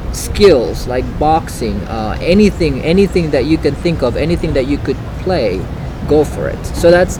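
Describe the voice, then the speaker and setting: Earnest Salvadoran actor outdoors, traffic behind. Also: male voice, a little high. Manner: earnest, repeats words when starting sentences. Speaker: actor, interview guest. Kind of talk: casual interview talk. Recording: outdoor recording with traffic noise.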